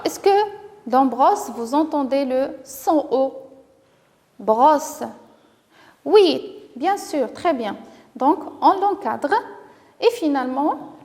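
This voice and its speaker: A woman teaching a reading lesson to young children, speaking slowly and drawing words out to model their sounds, with frequent praise. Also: high voice, darkish tone, long reverb tail. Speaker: primary school teacher.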